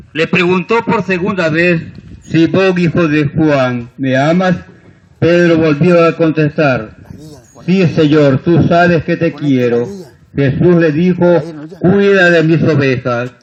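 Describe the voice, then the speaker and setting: Male reader, unhurried scripture reading, slightly raised pitch. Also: poor audio. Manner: slow, measured reading.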